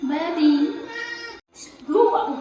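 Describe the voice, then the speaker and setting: Very high-voiced woman, slow and echoey. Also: dull audio, soft background music. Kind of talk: casual home video.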